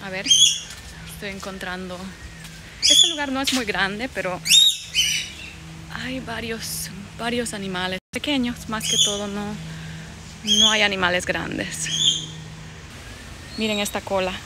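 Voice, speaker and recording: Walking through a bird-filled garden, a vlogger in her thirties from Bolivia chats with her live-stream viewers, phone at arm's length. She speaks at a medium pitch, slowly, pausing often. Birds and outdoor sounds come through on this noisy phone recording.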